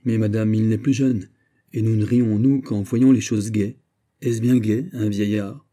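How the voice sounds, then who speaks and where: A man's voice: on the low side, fairly even intonation, a little slow, dark tone. A man reading an audiobook voices a young English lord, a witty courtier with a courtly, ironic delivery.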